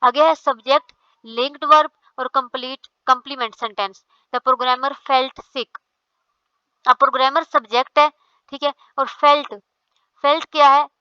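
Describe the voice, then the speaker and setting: A woman's voice: sits high, fairly even intonation, moderate pace, bright, forceful tone, no echo, muffled recording. A woman teaching a lecture, going over each point step by step and often checking in with "theek hai". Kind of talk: explaining a lecture.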